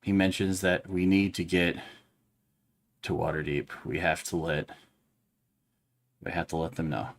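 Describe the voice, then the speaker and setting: Slow, low-voiced man narrating his character. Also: little pitch movement, vocal fry. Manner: slow, drawn-out descriptive narration. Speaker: player.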